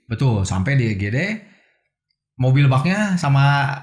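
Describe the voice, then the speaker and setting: A man's voice: medium pitch, sing-song, measured pace. A man earnestly telling the story of his stabbing as an interview guest, often addressing the host respectfully. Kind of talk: emotional personal testimony. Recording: roomy echo.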